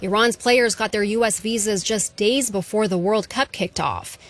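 A woman reporter narrating a scripted news story in a measured way. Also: mid-range voice, dry recording.

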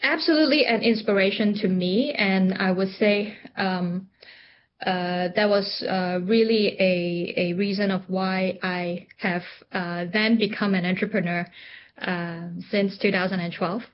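A woman's voice: medium pitch, fairly even intonation, a little slow, lo-fi sound, a little hiss or hum. Thoughtful woman from Hong Kong, hesitant. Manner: thoughtful, frequent ums and restarts. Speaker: interview guest, entrepreneur. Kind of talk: reflective interview conversation.

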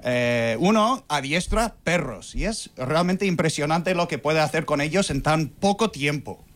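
A man's voice: on the high side, expressive, unhurried, fairly bright tone, a little hiss or hum. An American man in his thirties doing a stand-up comedy set with dry, punchy joke delivery. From United States.

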